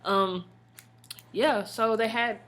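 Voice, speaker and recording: An American woman telling stories in a casual, slangy vlog style, expressive and full of emphatic asides. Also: on the high side, takes it slowly. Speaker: vlogger. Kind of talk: casual chatty storytelling vlog.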